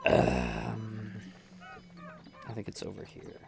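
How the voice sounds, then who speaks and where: A man talks through a chill game session in a rambling, self-correcting way, close to his microphone. His voice has a gravelly, fry-edged texture, and his pitch swings about lively. Soft music sits faintly behind him. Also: slow. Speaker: gameplay streamer. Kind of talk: relaxed gameplay commentary. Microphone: close desk microphone.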